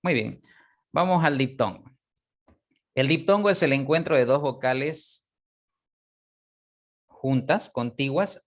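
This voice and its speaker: A man teaching a class, explaining step by step, repeating example words slowly and often checking that students follow. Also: mid-range voice. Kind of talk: online class lecture.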